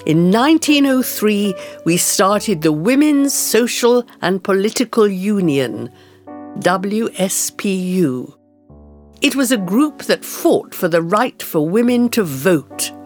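This is a woman reading as a determined older campaigner for women's rights, recalling her life in a storybook narration. Her delivery is unhurried and measured, each phrase set out clearly. The voice moves expressively up and down in pitch. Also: big pitch swings, faint music behind. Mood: earnest. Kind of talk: first-person storybook narration for learners.

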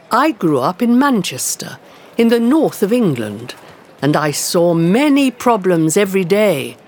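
This is a woman reading as a determined older campaigner for women's rights, recalling her life in a storybook narration. Her delivery is unhurried and measured, each phrase set out clearly. The voice moves expressively up and down in pitch. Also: darkish tone, slight background noise. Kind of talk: first-person storybook narration for learners.

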